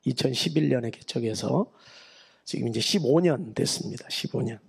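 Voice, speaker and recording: A man's voice: medium pitch, moderate pace, vocal fry, slightly rough. A middle-aged man with a Chungcheong accent, a guest pastor preaching a revival sermon in a folksy, chatty way, joking with the congregation. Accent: Chungcheong Korean. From Chungcheong, Korea. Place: church sanctuary.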